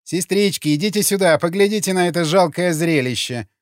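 A man's voice: a little high, expressive, normal speed, dry recording, studio quality, voice pushed up, natural voice. A man voicing a crude, mocking woman who leads an armed gang, jeering and coarse.

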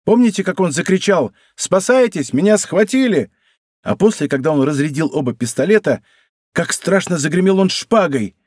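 A man's voice: on the high side, animated, normal speed, darkish tone, no room sound, studio quality, pitched above the performer's own voice. Man playing an eager young servant. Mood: excited. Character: excitable loyal young male servant.

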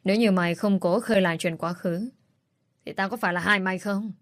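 A woman's voice: mid-range voice, fast, no echo, natural voice. A woman voicing a ruthless middle-aged stepmother who speaks with contempt and threats in a read-aloud story. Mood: scornful.

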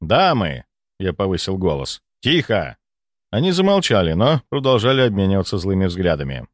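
A man narrating a first-person audiobook in a measured, wry storytelling manner. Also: deep voice, big pitch swings, dry recording, studio quality.

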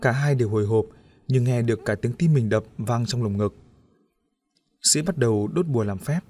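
A man narrating an audiobook story in a steady, even storytelling manner. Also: mid-range voice, moderate pace.

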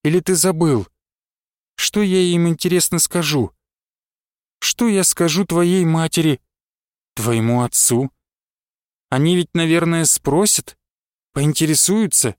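A man's voice: a little high, a little slow, long pauses, clear, resonant tone, dry recording, studio quality, lightly acted. A man reading aloud and voicing a young village wife who pleads and cries out in anguish. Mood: anxious. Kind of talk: audiobook character reading.

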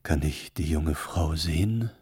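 A man voicing a serious, shy young gentleman in a storybook reading. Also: rumbling low, unhurried, breathy edge, dry recording, clean studio sound, pitched below the performer's own voice, full character voice. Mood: earnest. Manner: earnest, reserved.

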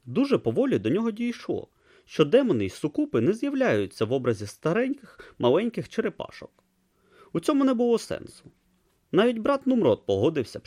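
A man narrating a comic fantasy novel as an audiobook, in an expressive storytelling read. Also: a little high, no room sound, clean studio sound.

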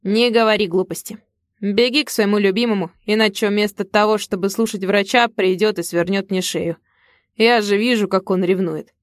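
A woman voicing a young male coach who speaks calmly and reassuringly. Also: mid-range voice, moderate pace, no room sound, studio quality, natural voice. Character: easygoing young male coach, gentle friend.

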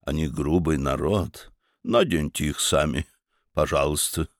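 A coaxing, smooth-tongued town official, read by a man. He talks in a soft, persuading way, as if to an old friend. The sound is dry and close. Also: a bass voice, a little slow, no echo, pitched below the performer's own voice. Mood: heavy, reluctant. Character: middle-aged male burgomaster, smooth, coaxing official.

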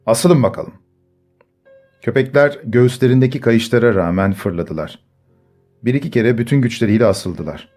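A man reading a story aloud in measured scripted narration. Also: medium pitch, lively intonation, a little mellow. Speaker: audiobook narrator. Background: faint music.

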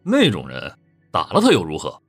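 Guy doing a brash husky general's son, blunt, wildly animated, drama with music under it. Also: deep voice, normal speed, no room sound, heavily acted. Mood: indignant. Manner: blunt, scornful. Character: brash, hot-blooded young general's son. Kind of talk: Chinese audiobook drama acting. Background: background music.

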